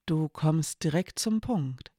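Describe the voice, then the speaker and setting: A narrator voicing an eerie, calm being from a mirror that takes the shape of a thin, pale woman and speaks curtly in an audiobook. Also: medium pitch, slow pace, no echo, studio quality. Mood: cool, terse.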